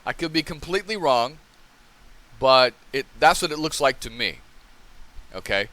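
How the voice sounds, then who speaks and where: A man's voice: mid-range voice, lively intonation, moderate pace, dry recording. Middle-aged man musing aloud. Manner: conversational, keeps asking "okay?", acts out scenes loudly. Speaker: podcast host. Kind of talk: casual commentary monologue.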